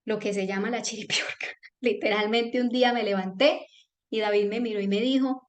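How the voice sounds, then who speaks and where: A woman's voice: on the high side, moderate pace. A woman, sharing a personal testimony with an audience and acting out the voices in her story. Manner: animated storytelling, acts out quoted voices. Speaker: testimonial speaker.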